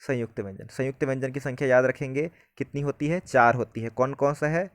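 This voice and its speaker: A man teaching a Hindi grammar lesson, explaining step by step and often asking whether it is clear. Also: mid-range voice, brisk, dry recording.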